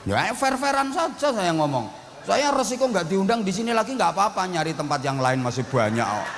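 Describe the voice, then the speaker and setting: A man's voice: sits high, very animated, moderate pace, big-room sound. A man with a Javanese accent preaching a humorous sermon, blunt and joking, speaking outspokenly to a gathering. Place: outdoor religious gathering.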